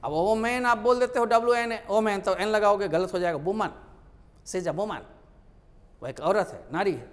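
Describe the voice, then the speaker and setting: Guy teaching grammar, kinda high voice, asks himself questions, reverby room. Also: moderate pace. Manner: explains by asking and answering his own questions. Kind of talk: lecture.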